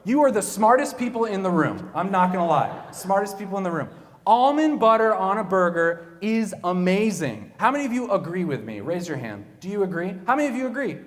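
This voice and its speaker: A man with a high, bouncing voice gives an animated keynote, chatty and playful, speaking straight to his listeners. His voice carries through a large, echoey hall. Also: fairly quick. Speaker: keynote speaker, director of evangelization. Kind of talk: lively keynote talk.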